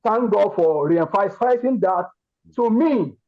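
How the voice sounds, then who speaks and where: Speaking at a measured pace in a high, expressive voice, this man with a Nigerian Yoruba accent offers an earnest testimony as feedback in an online masterclass. He is emphatic and often repeats his words and phrases, and the recording is muffled.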